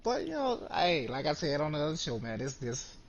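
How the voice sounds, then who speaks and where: A man's voice: on the high side, a little fast. Man on a dull lo-fi line. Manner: relaxed, stammers and repeats words. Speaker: guest. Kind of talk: casual sports chat. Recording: dull lo-fi line with faint noise.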